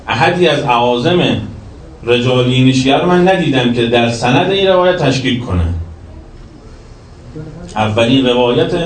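A man giving a religious sermon, shifting between emphatic raised lines and quiet lowered passages. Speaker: cleric lecturing. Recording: roomy echo, distant from the mic, faint background noise.

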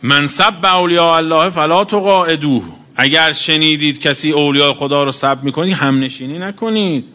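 A man delivering a sermon in a bright, forceful voice. He recites Arabic passages and then explains each one in everyday speech. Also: a little high, hardly any pauses. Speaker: cleric. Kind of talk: religious sermon.

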